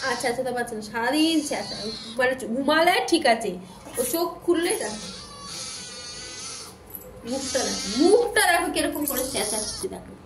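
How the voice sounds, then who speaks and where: Exasperated high-voiced woman filming her cat. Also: lively intonation, normal speed, background noise. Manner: exasperated, keeps saying "look". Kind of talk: casual home video chat. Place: home, near the kitchen.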